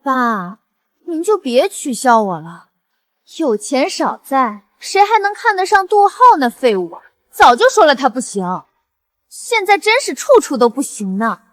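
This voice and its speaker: Snobbish young ex-wife, high, lively, dry close sound. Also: female voice, measured pace, no echo. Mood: haughty. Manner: haughty, mocking. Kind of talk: short-drama acting.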